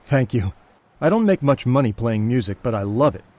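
A man's voice: mid-range voice, sing-song, normal speed, darkish tone, close to an everyday voice. A man playing a polite street violinist who also works as a waiter, in a scripted language-course dialogue. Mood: friendly. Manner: polite, friendly. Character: polite adult male street musician and waiter.

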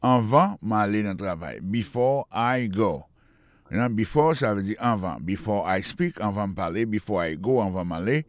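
Radio English teacher, low voice, dry sound, patient and repetitive. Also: male voice, lively intonation, normal speed, hardly any pauses, dry recording. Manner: patient, repetitive, spells words out. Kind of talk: explanatory radio lesson.

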